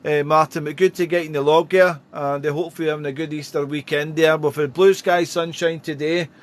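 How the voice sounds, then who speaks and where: A slightly high male voice, steady and brisk, belongs to a ham radio operator trading friendly chat and phonetic call signs. His contact calls play against clear background radio noise.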